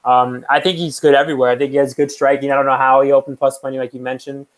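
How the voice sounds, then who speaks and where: A young man talks fight picks in a casual, rambling way, circling back on himself and filling pauses with "um" and "you know". His voice sits at an ordinary middle pitch for a man. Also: little pitch movement, rough recording. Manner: rambling, with many fillers and restarts. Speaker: podcast co-host making fight picks. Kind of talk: casual chat.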